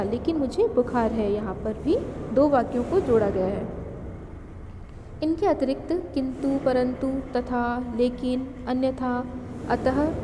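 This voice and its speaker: Woman teacher, high voice, methodical grammar lesson, long reverb and faint room hiss. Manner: explains step by step, reading out lists of examples. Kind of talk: grammar lesson for school students.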